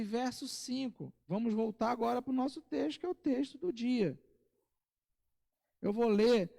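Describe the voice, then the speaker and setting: A man with a Brazilian Portuguese accent leads a Bible study. He reads scripture slowly, then explains it in a casual way with asides and light humor. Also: high voice, creaky, mellow, long reverb tail. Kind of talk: conversational Bible study teaching. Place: church.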